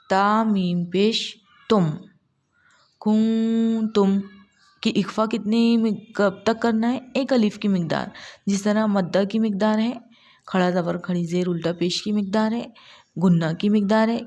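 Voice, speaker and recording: A woman teaching Quran recitation step by step, patiently repeating syllables slowly and drawn out. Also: mid-range voice, dark tone. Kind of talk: step-by-step tajweed lesson.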